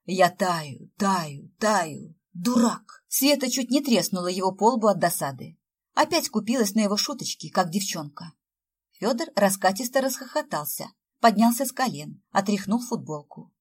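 A woman reading a story aloud as narrator, in a lively storytelling manner. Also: medium pitch, moderate pace, breathy edge. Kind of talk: audiobook narration.

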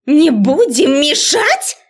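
A woman voicing a shrill, bossy female professor who shrieks orders in an audiobook. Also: big pitch swings, takes it slowly, heavily acted. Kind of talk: audiobook character voice.

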